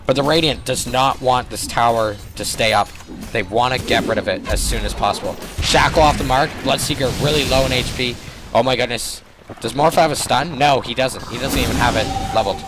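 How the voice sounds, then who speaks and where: A young man with a voice hoarse from a cold, excitedly commentating a video game and often correcting himself as he rambles. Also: mid-range voice, fairly quick, over music. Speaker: game caster.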